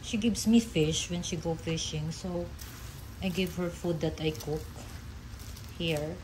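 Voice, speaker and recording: Woman vlogger, unhurried kitchen chat to camera, lowish voice, kitchen noise in the background. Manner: chatty, unhurried, talks to viewers while cooking. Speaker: cooking vlogger. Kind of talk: casual cooking chat. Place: home kitchen at the stove. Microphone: camera nearby, hands-on cooking.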